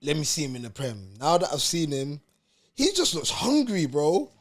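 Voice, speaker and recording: Easygoing young podcast host. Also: male voice, on the high side, wildly swooping pitch. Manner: easygoing, quick to agree and laugh. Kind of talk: casual chat.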